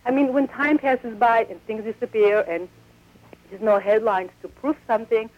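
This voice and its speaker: A woman's voice: fairly high pitch, steady tone, moderate pace. A woman calling in to a talk radio show over the telephone, upset and insistent, pressing her point in long runs. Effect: heard over a telephone line. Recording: dull lo-fi phone line.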